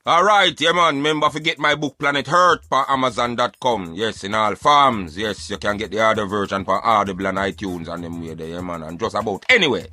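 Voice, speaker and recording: A lower-voiced man with a Jamaican accent talks fairly fast, barely pausing, over soft background music with no room sound. As a radio host he speaks casually and emphatically, sharing opinions and treating listeners as friends. He's animated and repeatedly addresses them as brethren.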